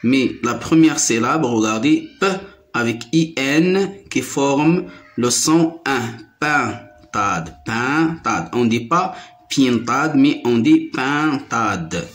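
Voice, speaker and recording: Male teacher with Moroccan French accent, very slow and deliberate, repeats words for young pupils. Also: mid-range voice, animated. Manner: slow, repeats each word several times. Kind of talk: primary school phonics lesson.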